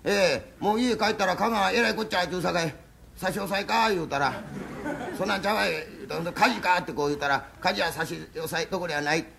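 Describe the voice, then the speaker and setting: A dim-witted, blustering Osaka man, acted by a male rakugo teller, rambling on in a loud, raised voice. His speech tumbles out fast and gravelly, with an Osaka accent. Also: high voice, a crowd in the background. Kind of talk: rakugo storytelling.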